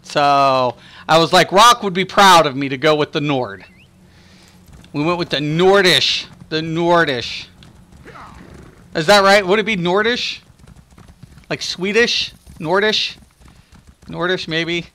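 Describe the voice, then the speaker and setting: A gaming streamer chats casually on a live stream, rambling with lots of fillers, thanking viewers and addressing chat by name. He laughs often and is playful. His fairly high voice is bright and forceful, slow, with long pauses.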